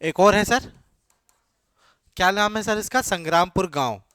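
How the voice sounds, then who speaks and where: Brisk male teacher quizzing his class. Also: sits high, sharp tone, smooth, no room sound. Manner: quizzing students, repeating answers, urging them to hurry. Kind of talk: classroom lecture.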